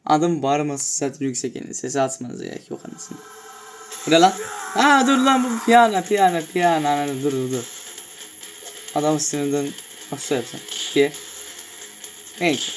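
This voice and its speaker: A young man casually commenting on a fighting game as he plays, often shouting in surprise and swearing. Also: on the high side, fairly even intonation, moderate pace, long pauses, background noise. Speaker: gameplay streamer. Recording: music clearly heard behind.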